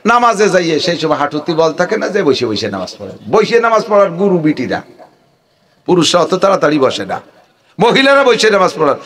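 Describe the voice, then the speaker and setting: Preacher guy, voice jumping all over, a bit high. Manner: animated, swings from high shouts to low mutters, acts out villagers. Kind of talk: comic Bengali waz sermon.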